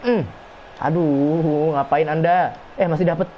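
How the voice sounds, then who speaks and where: Casual male streamer, mid pitch, reacts aloud to each play and reads chat, dull lo-fi mic with faint hiss. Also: steady tone, a little slow. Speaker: gaming streamer. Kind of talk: casual live game commentary.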